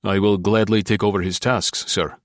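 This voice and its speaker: A man's voice: lowish voice, fairly even intonation, moderate pace, dry recording, clean studio sound, natural voice. A man voicing a composed male Soviet military spy who answers in clipped, respectful replies.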